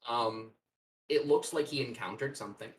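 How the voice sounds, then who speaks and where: A young man running a tabletop game as game master, relaxed and joking. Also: mid-range voice, moderate pace, breathy edge, low-quality recording. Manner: joking, relaxed, talks through laughs.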